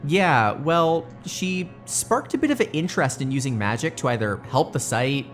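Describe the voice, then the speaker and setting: A weary doctor at a secret research site played by a woman in an audio drama. The speech is casual, muttering and halting, with animated pitch movement. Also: faint music behind. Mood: halting, awkward.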